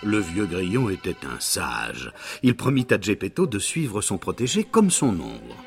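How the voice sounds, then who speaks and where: Expressive man reading a storybook. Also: deep voice, creaky. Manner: dramatic, slowing down for suspense. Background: soft background music.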